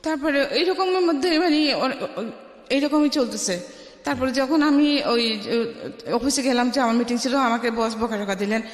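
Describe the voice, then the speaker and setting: Speaking as a guest on a radio interview, a woman with a Bangladeshi Bengali accent and a high voice recounts her life story. She talks haltingly, restarting phrases again and again and slipping in English words. The recording is echoey, with long reverb.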